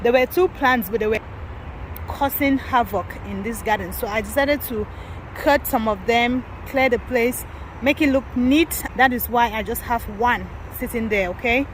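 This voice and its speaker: Woman from Cameroon, gardening vlogger, high-ish voice, chatty tour, wind and traffic noise outside. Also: moderate pace, poor audio. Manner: chatty, addresses viewers as guys. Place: outdoor garden, windy.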